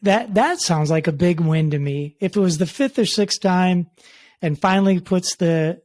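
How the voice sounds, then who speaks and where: A man hosting a podcast who asks interview questions and affirms his guest warmly. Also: high voice, normal speed, no echo. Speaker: podcast host.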